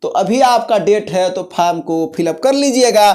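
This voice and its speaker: With a medium-pitched, expressive, darkish voice at a moderate pace, a job-notification channel host walks viewers through exam and job details informally. The delivery is instructional, restating key points and frequently checking in with the audience.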